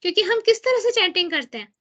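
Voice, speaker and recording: A woman's voice: very high-pitched, big pitch swings, a bit bright, dull audio. A woman leading a devotional scripture class who explains in chatty mixed Hindi and English, asking and answering her own questions. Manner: reads English book passages slowly and deliberately.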